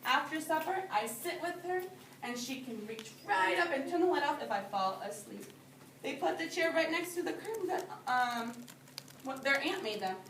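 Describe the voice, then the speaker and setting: A preschool or early grade teacher reads a storybook aloud to young children indoors, talking it over patiently and simply and repeating their answers back. Her voice sits high and sounds fairly bright and expressive, at a moderate pace. A distant phone or camera caught it, so the video is roomy and noisy.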